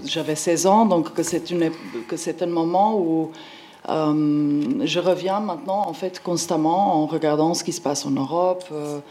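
A woman's voice: low-pitched, unhurried, mellow. A woman in her forties with a Slovenian accent, giving an informal conference talk in a hesitant way, searching for her words. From Slovenia, former Yugoslavia. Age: 40s. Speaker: independent art curator, panel speaker.

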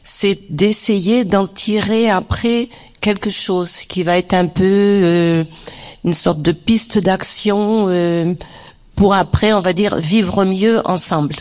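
A woman facilitating a group discussion, speaking off the cuff and pausing to rephrase. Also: mid-range voice, fairly even intonation, a little mellow. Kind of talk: introducing a group discussion, unscripted.

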